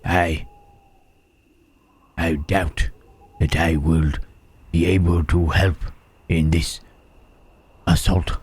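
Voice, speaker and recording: Male actor as melancholy monster, ASMR roleplay, very slow, hushed, formal, heavily husky and breathy. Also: sits low, level tone, exaggerated voice. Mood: hesitant, thoughtful. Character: Frankenstein's monster, gentle, melancholy male reanimated creature.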